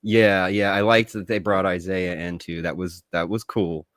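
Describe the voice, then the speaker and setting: A man playing an easygoing young Spider-Man superhero, chatting casually and a little haltingly as a podcast guest reviewing a film. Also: low-pitched, little pitch movement, no room sound, clean studio sound, close to an everyday voice. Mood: enthusiastic.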